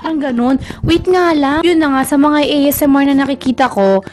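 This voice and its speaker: A woman's voice: high-pitched, brisk, background noise. Chatty woman vlogger. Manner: chatty, mixing English and Tagalog, excitable exclamations. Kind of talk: casual vlog chat. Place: indoors by a window. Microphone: cheap clip-on lapel mic.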